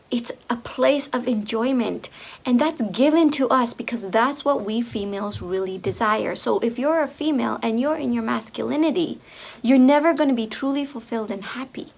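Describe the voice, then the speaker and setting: A woman speaking slowly and softly in a reflective monologue, often repeating herself and sometimes slipping into a whisper. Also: a little high, gravelly. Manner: slow, soft, drifting into whispers. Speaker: speaker on femininity.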